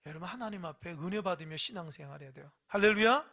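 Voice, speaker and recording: Pastor preaching, bright forceful voice, fires off questions at the congregation, goes loud then drops way down. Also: medium pitch, animated, fast talker, creaky. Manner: emphatic, asks the congregation rhetorical questions; sharp swings between loud exhortation and quiet asides. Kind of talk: sermon.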